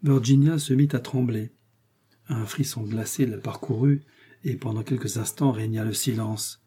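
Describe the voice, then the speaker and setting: A man reading a classic tale aloud as an audiobook narrator, calm and measured. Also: medium pitch, husky.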